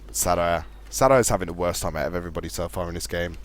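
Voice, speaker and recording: A man casting a live video game match, fast play-by-play with a fairly steady delivery. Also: low voice, a little hiss or hum. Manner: fast, chatty play-by-play talking to co-caster; calls his own voice monotone. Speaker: esports caster.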